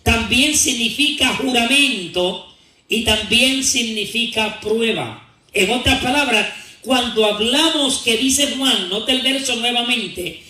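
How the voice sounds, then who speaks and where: A man with a high, very bright voice teaches from the Bible at a slow, deliberate pace, repeating key words to drive them home. He sounds set back from the microphone in an echoey church hall. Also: distant mic. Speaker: preacher.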